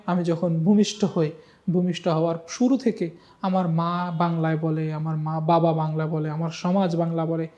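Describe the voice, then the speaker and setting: A man's voice: high-pitched, a little mellow. A middle-aged man teaching an online Quran reading lesson, patiently spelling out letters one by one and coaxing students to repeat after him.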